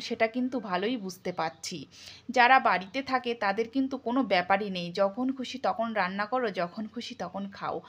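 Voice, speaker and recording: A woman in her thirties from India with a Bengali accent, chatting to her viewers as she narrates a home vlog from her kitchen. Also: fairly high pitch. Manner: chatty, talks to viewers directly; sometimes speaks softly so a sleeper is not woken. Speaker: vlogger.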